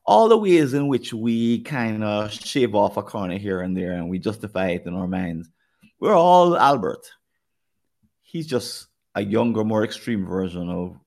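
A man with a Jamaican accent hosts a podcast in a casual, reflective way. His voice sits fairly low and has a gravelly fry to it, and he often speaks directly to the people listening. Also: a little mellow. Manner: earnest, reflective talk that addresses listeners directly. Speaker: podcast host.

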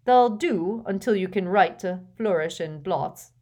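A woman voicing a jovial, portly old male potions teacher who talks in a booming, effusive, fatherly way. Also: lively intonation, unhurried, mellow.

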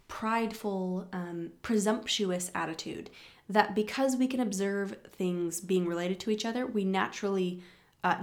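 A woman leads a book discussion in a mid-range voice, reading passages aloud and unpacking them thoughtfully and deliberately, with asides and filler words along the way.

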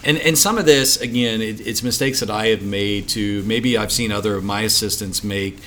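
A man's voice: lowish voice, normal speed, a bit bright, a little hiss or hum. A man hosting a ministry podcast in casual chat, rambling and repeating words as he restarts his thoughts. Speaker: podcast host for ministry assistants.

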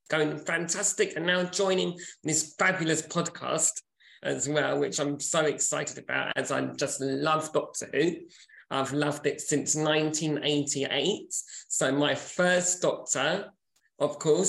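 A man's voice: on the high side, gravelly, roomy sound, rough recording. A man in his forties, a podcast co-host and author, chatting casually and laughing often. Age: 40s.

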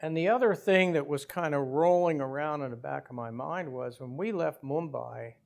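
Gravelly older man recounting a story. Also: on the high side. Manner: measured, detailed recounting with small hesitations. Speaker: airline captain, interview guest. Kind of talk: conversational storytelling.

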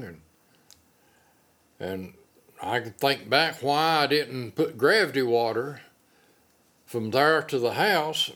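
A man's voice: mid-range voice, fairly bright tone. Older Appalachian man, folksy talker. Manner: folksy rural phrasing. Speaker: interviewee recalling childhood. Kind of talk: casual oral-history reminiscence.

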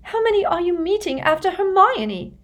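A tearful teenage girl, as a woman reader puts her on, her voice climbing high and shrill as she cries. She sounds hurt and accusing, straining upward with emotion in a storybook reading. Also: big pitch swings, takes it slowly, a little mellow, exaggerated voice.

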